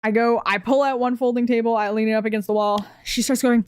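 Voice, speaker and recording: A woman streamer telling a workplace story to her chat in a casual, animated way, swearing freely. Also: on the high side, quick pace, clear, resonant tone, no room sound. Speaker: streamer reacting to videos.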